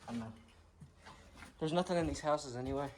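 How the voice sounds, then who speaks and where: A man's voice: a little high, a little fast, a little mellow. A man casually narrating as he explores abandoned houses, out of breath and rambling, swearing offhandedly. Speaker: urban explorer vlogger. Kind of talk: casual handheld exploring commentary. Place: abandoned houses in an overgrown ghost town. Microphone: action camera mic. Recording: noisy outdoor action-cam audio.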